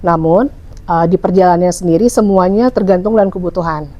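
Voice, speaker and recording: A woman's voice: fairly low pitch, a little fast, mellow, highs cut off. Chatty Sundanese-accented woman explaining. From West Java, Indonesia. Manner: chatty, explanatory, frequent fillers. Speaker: hotel public relations officer. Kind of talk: conversational podcast interview.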